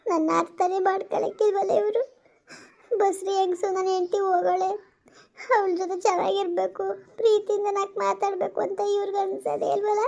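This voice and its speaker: A woman's voice: very high voice, little pitch movement, brisk, vocal fry, darkish tone. Woman voicing a tearful pregnant young wife. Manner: sobbing, plaintive complaints. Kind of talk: animated story voice-over. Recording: lo-fi, dull voice-over.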